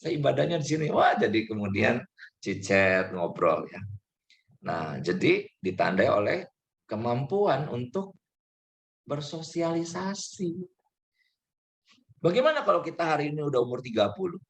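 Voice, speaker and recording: A man's voice: medium pitch, big pitch swings, measured pace, creaky, long pauses. A man who is a pastor, giving a conversational sermon with English terms mixed in, acting out little dialogues and laughing now and then.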